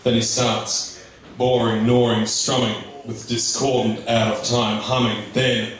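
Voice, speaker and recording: A man's voice: medium pitch, level tone, unhurried. A man delivers slam poetry in a very echoey venue, picked up from a distance. His delivery is rhythmic and theatrical, like storytelling on stage. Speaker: slam poet, competitor. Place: live event in a reverberant venue. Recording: very echoey hall, distant microphone.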